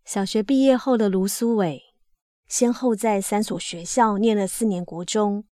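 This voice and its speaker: A woman reading a life story aloud as scripted narration, in a steady, even storytelling manner. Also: mid-range voice, moderate pace, no room sound, clean studio sound. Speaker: reader.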